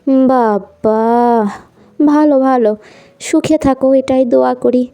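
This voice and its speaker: A woman voicing an older visiting aunt who gives blessings and hurried farewells in a doll puppet show. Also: high voice, fairly even intonation, clean tone, highs cut off, soft background music. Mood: kindly.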